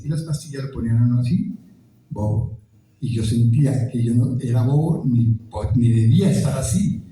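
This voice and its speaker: A man's voice: medium pitch, dark tone. A Colombian man giving an emotional testimony at a conference, acting out the voices of the people in his story. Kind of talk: testimony talk. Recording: very echoey hall, from a distance.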